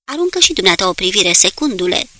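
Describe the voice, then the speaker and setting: A woman reading the lines of a calm, stern male submarine commander, giving clipped, firm orders. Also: mid-range voice, dry recording.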